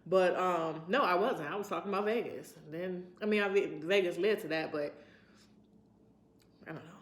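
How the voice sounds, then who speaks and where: A female vlogger in her twenties talks casually to camera, rambling and reflecting informally. Her voice is on the low side and her speed is normal, and the recording echoes as if in a large room.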